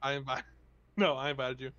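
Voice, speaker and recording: A man gaming with a friend, telling crude stories in a deadpan way and acting out the quotes. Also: mid-range voice, brisk, highs cut off. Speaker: co-player and friend. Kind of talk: casual gaming chat with a friend.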